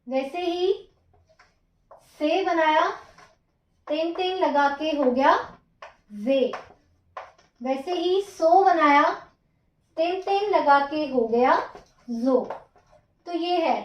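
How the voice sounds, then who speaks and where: Stroke by stroke, a woman who teaches Japanese goes through a writing lesson, counting aloud and repeating each step with patience. She speaks high and unhurried, captured in a dull, echoey recording like a small home room.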